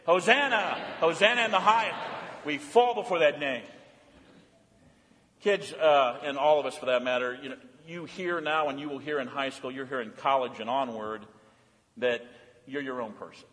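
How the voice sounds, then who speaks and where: An older man, a pastor, preaching a confirmation sermon in a church, swinging between loud proclamation and hushed, earnest asides. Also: mid-range voice, normal speed. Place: church sanctuary. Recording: long hall reverb.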